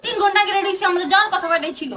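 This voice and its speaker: Rapid high-pitched scolding woman. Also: recorded from a distance, a loud crowd. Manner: scolding, complaining rapid-fire. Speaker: wife in a couple skit. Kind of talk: scripted domestic argument.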